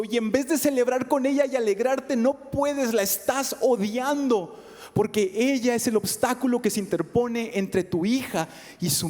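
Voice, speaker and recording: A man's voice: very high-pitched, a little mellow, in a large hall. A man preaching a sermon, retelling a scripture story in second person with dramatic swings, sometimes dropping to a whisper. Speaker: pastor. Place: church sanctuary.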